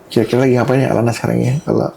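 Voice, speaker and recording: A man hosting a podcast interview, gently prompting his guest and tagging his questions with a soft question word. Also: medium pitch, little pitch movement, very fast, creaky, slight background noise. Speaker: podcast host.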